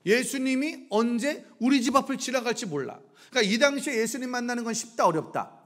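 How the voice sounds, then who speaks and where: A middle-aged pastor preaching a revival sermon in a church, firing either-or questions at the congregation and acting out shouts. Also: male voice, very high voice, lively intonation, a little fast. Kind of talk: lively revival sermon with call-and-response questions. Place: church sanctuary.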